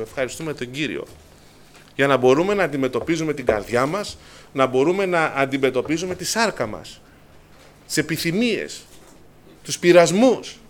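A man preaching a sermon to his congregation, addressing them as brothers, with rising passion at the high points. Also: fairly bright tone.

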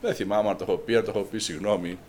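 An older man from Greece preaching an emotional sermon, swinging from hushed prayer to loud cries. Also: on the low side, steady tone, a little hiss or hum.

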